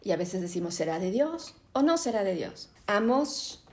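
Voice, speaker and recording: A middle-aged woman with a Mexican accent teaching a Bible class, an animated storyteller who keeps asking "¿no?". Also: medium pitch, moderate pace. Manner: animated storyteller, tags lines with "¿no?".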